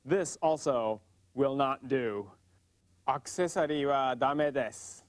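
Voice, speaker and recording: A man narrating a scripted language lesson, sounding out words slowly and carefully. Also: medium pitch. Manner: slow, careful pronunciation drills. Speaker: language teacher.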